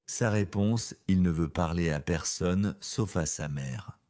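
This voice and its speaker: A man narrating in a studio voice-over, his voice low and deep. The sound is dry and close, with no room around it. He tells the story evenly, explaining step by step. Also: takes it slowly, mellow, dry recording.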